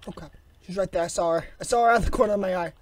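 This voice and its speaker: A YouTuber with a raspy voice from a sore throat, chatting and grumbling to themself through casual gameplay commentary. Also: mid-range voice, rapid-fire. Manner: mutters and grumbles to self, chatty asides. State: sick with a sore throat, coughing. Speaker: gaming YouTuber.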